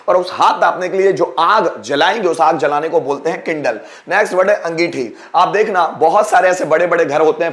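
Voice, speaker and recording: A man teaching English vocabulary who explains slowly, repeats each word and asks and answers his own questions. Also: on the high side, roomy sound. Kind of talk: vocabulary lesson.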